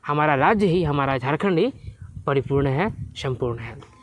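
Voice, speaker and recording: A man teaching an exam-prep lesson, reading lyric lines slowly and then explaining them in plain words. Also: fairly high pitch, animated, a little hiss or hum.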